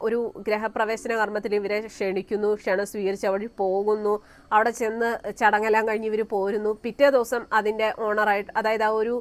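A woman from Kerala talks straight to camera in a commentary vlog, speaking at a middle pitch. Her tone is scornful, and she presses her point with one rhetorical question after another while stopping often to fill pauses. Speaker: vlogger.

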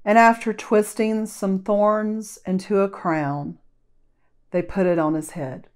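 A woman reading scripture aloud in a slow, deliberate, solemn way at a church service. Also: mid-range voice, steady tone, darkish tone. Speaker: scripture reader. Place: church sanctuary.

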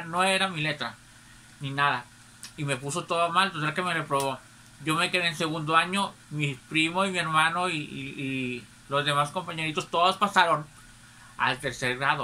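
A man's voice: a little high, sharp tone. A man with a Mexican accent telling a personal anecdote in a casual, gossipy way, constantly tagging his phrases with little questioning asides. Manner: chatty, tags nearly every phrase with a questioning aside. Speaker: storyteller.

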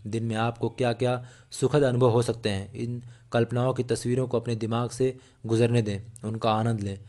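Male narrator, mid-pitched, steady earnest audiobook read with the odd slip. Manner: steady, earnest reading with small slips and restarts.

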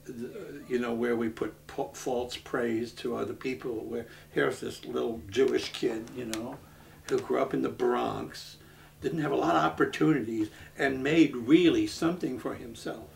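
A man, from Brooklyn, speaking earnestly in a documentary interview, halting with many restarts. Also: medium pitch, steady tone, creaky. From Brooklyn, New York. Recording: voice from a distance off the mic.

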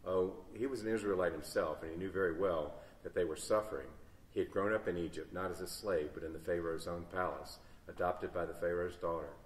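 Deep-voiced man reading a story in a church. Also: steady tone, a little fast. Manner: dramatic, varying loudness. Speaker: story reader. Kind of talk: expressive read-aloud storytelling. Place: large church. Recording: echoey church hall, distant mic.

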